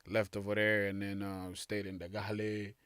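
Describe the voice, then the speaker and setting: A man from Somalia in his late twenties, with a lowish voice, talks slowly and loosely as a podcast guest, pausing and laughing as he goes. The recording is close and dry. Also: completely flat delivery, fairly bright tone, clear, resonant tone, no echo. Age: late 20s. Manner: easygoing, halting, laughs often. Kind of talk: casual interview.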